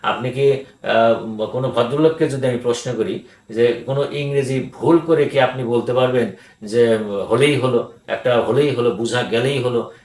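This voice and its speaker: An older man giving a grammar lesson, speaking deliberately, repeating words for emphasis and pausing with hesitations. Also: medium pitch, darkish tone. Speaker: grammar teacher. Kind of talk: grammar lecture. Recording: echoey room.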